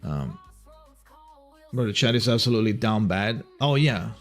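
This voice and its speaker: A man with an Italian accent, from Italy, hosts a livestream, chatting casually and reading viewers' messages aloud. His lowish voice has lively intonation at a normal speed, with faint music behind. He rambles and often restarts his sentences.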